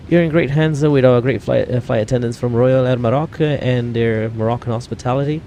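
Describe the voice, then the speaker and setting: A man's voice: medium pitch, mellow, slight background noise, pitched above the performer's own voice, natural voice. A man playing an airline captain making a cabin announcement, with many hesitations. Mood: polite. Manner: hesitant, halting, filled with "uh". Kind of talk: mock pilot announcement on a flight sim stream.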